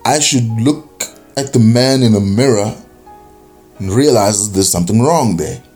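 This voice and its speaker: A man's voice: fairly low pitch, a little slow, darkish tone, slightly rough, faint music behind. A young man from South Africa with a South African accent, giving a rambling, casual opinion monologue full of fillers and restarts. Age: young adult.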